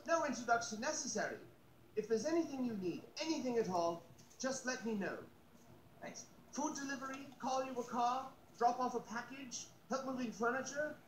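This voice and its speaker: A man's voice: very high-pitched, animated, normal speed, echoey room, a little hiss or hum, rough recording. A man with a British accent playing a courteous, formal male concierge in a video game, eager to help. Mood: eager, polite.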